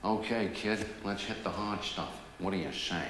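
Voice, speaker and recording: A man's voice: low-pitched, moderate pace, a bit bright. An actor with a British accent playing a breezy, unreliable father in his thirties, slangy and chummy, in a television drama. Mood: matey, coaxing. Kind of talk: naturalistic television drama acting. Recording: echoey room, faint noise.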